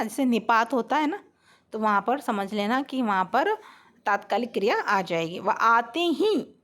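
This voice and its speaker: A Hindi grammar teacher with a high voice works through a lesson at the blackboard. She patiently explains each rule, repeats her example sentences, and keeps checking that her students are following along.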